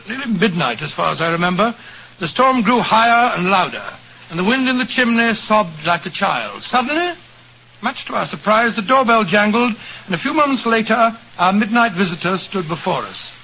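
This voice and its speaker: An actor playing a genial, avuncular doctor telling a story in a 1940s radio drama. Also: male voice, sits high. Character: genial older doctor, Holmes's friend and narrator. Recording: dull old radio broadcast with hiss.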